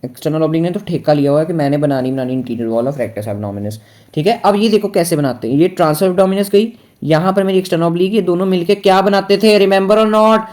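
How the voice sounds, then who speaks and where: A man's voice: high voice, a little fast, darkish tone. A man from India teaching anatomy in a lecture that mixes Hindi and English, often asking the class questions and drawing out key terms.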